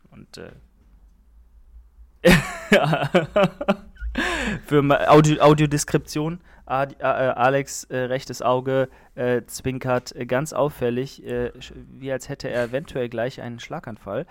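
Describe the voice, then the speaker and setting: A man's voice: mid-range voice, fairly even intonation, slow. Rambling young man podcasting. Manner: rambling, many fillers and restarts. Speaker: podcast co-host. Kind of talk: casual podcast chat.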